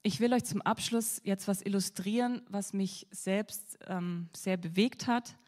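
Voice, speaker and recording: A woman preaching a sermon dramatically, swinging between loud emphasis and whispers. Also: mid-range voice, measured pace.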